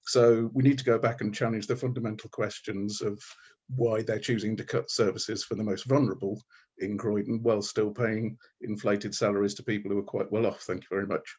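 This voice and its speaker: A man's voice: fairly low pitch, flat delivery, fairly quick, a little mellow, slightly rough, lo-fi sound. A man speaking as a candidate in a local debate, arguing his case firmly. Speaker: Green Party candidate. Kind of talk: debate answer.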